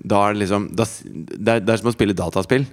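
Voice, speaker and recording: A man with a somewhat low voice tells a long story in casual conversation. He is animated and acts out the people he quotes. His speech is loose and peppered with swearing. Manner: animated anecdote telling with laughs and profanity. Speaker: storyteller guest. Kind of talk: casual chat.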